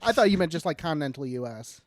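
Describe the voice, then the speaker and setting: A man's voice: a little high, animated, fast, no room sound, studio quality. A young man from the Chicago area with a Chicago accent, co-hosting a casual, profane, jokey podcast chat. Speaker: podcast co-host.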